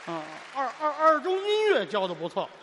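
A man, the straight man in a stage crosstalk act, firing off exasperated quick retorts. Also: very high-pitched, huge pitch swings, a crowd in the background, noisy background. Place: stage before a live audience. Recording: echoey hall, faint audience.

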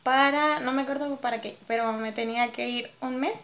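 High-voiced Mexican woman telling stories. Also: fairly quick, dull audio. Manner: lively, laughs often, acts out her own past remarks. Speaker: podcast guest, dancer and choreographer. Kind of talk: casual interview storytelling.

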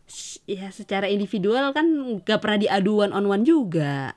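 Young woman chatting lively and teasing. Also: medium pitch, normal speed. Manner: lively, teasing, laughs often. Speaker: guest, futsal player. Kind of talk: casual chat.

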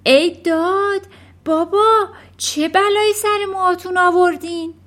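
Woman voicing a rude young son, yelling, high voice. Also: animated. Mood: loud.

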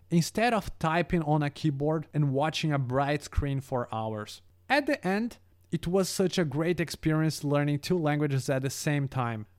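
A native Brazilian Portuguese speaker, this man narrates a prepared script on language learning with care and steadiness. His voice sits a little high.

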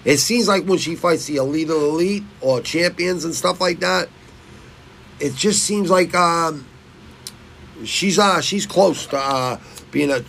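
A middle-aged Massachusetts man running a fight picks channel delivers casual betting talk at a measured pace. His slightly high voice is a bit bright with vocal fry, and the poor audio has a little hiss or hum. He rambles and swears, mangling some fighters' names.

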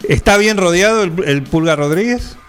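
A man, hosting a comic football panel. He tries to calm the studio down and steers the talk from topic to topic. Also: high voice, moderate pace, smooth, faint music behind. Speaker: host. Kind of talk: moderating a comic panel show.

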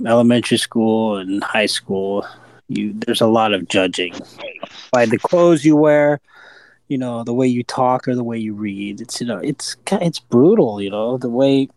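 A man reflects aloud on a recovery podcast, hesitating often and filling gaps with "um". His voice sits at a middle pitch and sounds dry and close to the mic. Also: darkish tone, dry recording, poor audio. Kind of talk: casual sharing in group talk.

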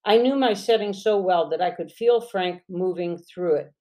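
A woman author teaching fiction writing, reading passages from her own novel aloud in a measured way and often clearing her throat. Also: lowish voice, dark tone. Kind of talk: lesson with read-aloud novel excerpts.

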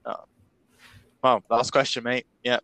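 A man's voice: mid-range voice, little pitch movement, unhurried, pushed and bright, no echo, poor audio. A man co-hosting a casual podcast chat, teasing his friend in a playful way. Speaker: podcast co-host.

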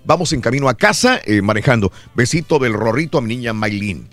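A man's voice: mid-range voice, a little fast, dry recording. A man with a Mexican accent hosting a radio show, chatting casually and reading out listener greetings from the booth. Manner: relaxed, reads listener greetings. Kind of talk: casual radio chat and shout-outs.

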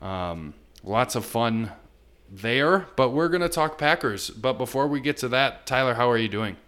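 A man's voice: mid-range voice, lively intonation, moderate pace, a bit bright. A man hosting a casual sports podcast. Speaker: podcast host.

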